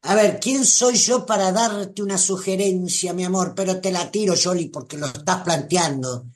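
With a Rioplatense Spanish accent, this host gives a gentle, reflective live talk, answering listeners by name the way a spiritual teacher might. The voice sits in the mid range and moves at a normal speed.

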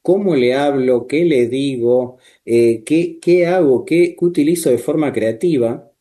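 A man talks as a therapist in a calm, measured way, often tagging his points with short questions. His voice is mellow and dark, at a middle pitch. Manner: measured, with frequent tag questions. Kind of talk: calm explanatory talk.

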